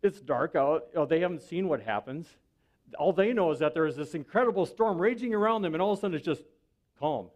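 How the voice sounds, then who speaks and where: A man's voice: fairly high pitch, lively intonation, quick pace, a little mellow. A man giving a sermon as a pastor, speaking in a conversational way and often checking in with the listener. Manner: conversational preaching, often asks the listener "right?".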